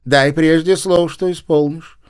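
Smooth wheedling schemer, evasive and touchy, slightly high voice, read by a male narrator. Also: fairly even intonation, normal speed, natural voice. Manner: wheedling, evasive, easily offended.

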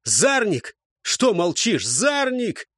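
A man voicing a young boy warrior leader who shouts urgent battle commands. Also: sits high, animated, measured pace, slightly rough, no room sound, studio quality, pitched above the performer's own voice, heavily acted.

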